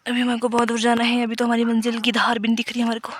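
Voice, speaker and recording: A woman's voice: on the high side, completely flat delivery, very fast, slight background noise. A young woman vlogging casually in a rambling, chatty way while she walks a hill path outdoors. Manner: chatty and rambling, talks while walking uphill. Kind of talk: casual walking vlog.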